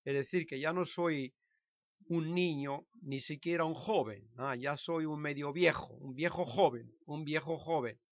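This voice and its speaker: In a halting vlog, an older man from Spain, in his sixties, recounts his life story straight to camera, often restarting and correcting himself. His slightly high voice comes through dry and muffled, without any echo.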